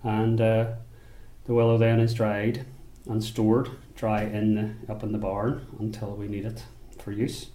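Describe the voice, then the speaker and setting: Northern Irish craftsman, low steady voice, roomy sound with faint ambience; unhurried, thoughtful interview talk. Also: slight background noise. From Belfast, Northern Ireland. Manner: unhurried, thoughtful, with frequent restarts. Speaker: basket maker. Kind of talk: interview monologue. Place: rural workshop or home.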